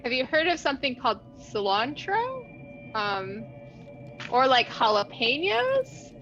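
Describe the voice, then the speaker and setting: A woman player at a tabletop game, casual and dry, tossing in short remarks. Her bright voice comes through a slightly dull mic. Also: sits high, very animated, faint music behind. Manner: dry, quick interjections. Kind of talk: casual tabletop role-play.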